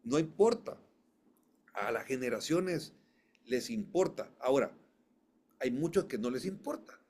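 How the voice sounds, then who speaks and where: Man, voice coach, mid pitch, emphatic, repeats himself, restarts sentences, interview talk. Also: expressive, unhurried, darkish tone. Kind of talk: conversational interview storytelling.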